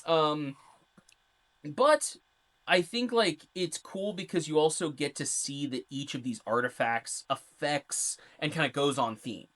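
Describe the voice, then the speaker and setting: A man's voice: a little high, unhurried, hardly any pauses, a bit bright. Rambling male podcast co-host. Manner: explains game lore in a loose, rambling way. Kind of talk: casual chat.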